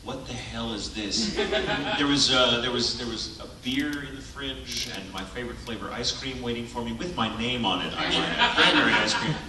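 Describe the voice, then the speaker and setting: A man's voice: mid-range voice, a little fast, hardly any pauses, noisy background. A male voice actor telling a comic anecdote at a convention panel, acting out the quotes, recorded from far off in the audience. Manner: animated storyteller, acting out quotes loudly. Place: large convention panel room. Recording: echoey hall, taped from far off in the audience. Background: audience murmur and laughter.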